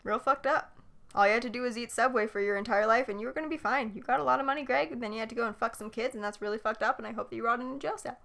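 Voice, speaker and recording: A giggly woman trading crude jokes with her co-host, her voice sitting high and sounding bright and crisp. She chats casually and swears freely. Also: racing. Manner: giggly, profane banter. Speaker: podcast co-host. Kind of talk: casual chat.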